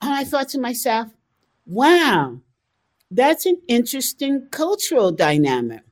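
American woman, slow careful talker, earnest about it. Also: a little high, big pitch swings. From United States. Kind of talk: conversational discussion.

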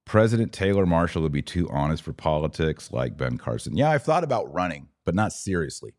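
An American podcast host and religious commentator delivers live religious and political commentary in an emphatic, preachy yet conversational style. His voice sits low with a darkish tone, swinging widely in pitch at a slightly fast pace.

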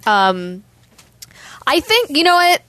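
A woman's voice: high voice, very animated, slow pace, pushed and bright, no echo. A woman co-hosting a casual podcast chat, playful and giggly. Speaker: podcast co-host.

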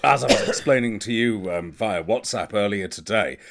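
A man's voice: fairly low pitch, animated, moderate pace, gravelly, a bit bright. A man co-hosting a podcast in casual chat, wry and playfully opinionated. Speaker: podcast co-host.

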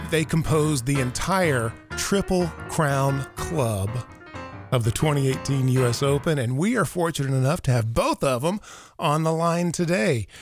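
A man with an American accent hosting a podcast and interviewing guests. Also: a little high. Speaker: podcast host.

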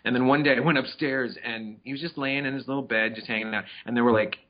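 A man's voice: medium pitch, steady tone, fast talker, lo-fi sound. Chatty middle-aged man on a podcast. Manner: chatty, playful, acts out his dogs in little voices. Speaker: podcast co-host. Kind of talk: casual chat.

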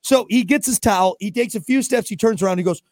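Speaking quickly in a high voice, a man co-hosting a podcast rants and tells animated stories as part of casual banter. The studio recording is dry.

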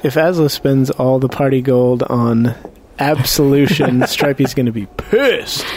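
A man's voice: mid-range voice, unhurried, a little mellow, faint music behind. A man bantering casually as a tabletop game player, wisecracking and joking with the group.

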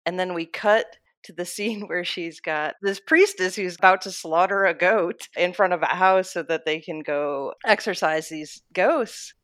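A woman's voice: on the low side, a little slow, hardly any pauses, a bit bright, no room sound, studio quality. A woman co-hosting a casual TV recap chat, enthusiastic and steering the discussion.

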